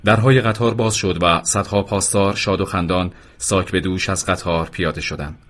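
A low-pitched man narrates an audiobook chapter in a calm, steady manner. He gives the quoted speech only a light touch and reads it as scripted narration.

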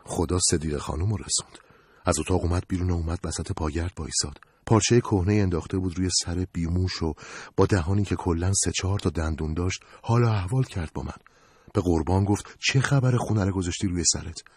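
A male storyteller reads a first-person tale in a low, husky voice. He speaks quietly and heavily. The recording is close and dry. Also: no echo. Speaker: narrator. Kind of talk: scripted storytelling narration.

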